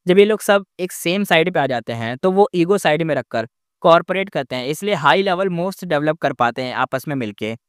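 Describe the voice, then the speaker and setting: A man's voice: fairly high pitch, expressive, fairly quick, clear, resonant tone, no room sound, clean studio sound. A man recapping a fantasy novel in casual narration, rambling with frequent fillers and restarts.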